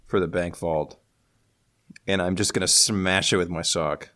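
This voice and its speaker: A man's voice: deep voice, fairly even intonation, measured pace, fairly bright tone. A young man playing a tabletop game, joking, swearing and laughing in casual chat. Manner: swearing, jokey, laughs often. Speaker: player.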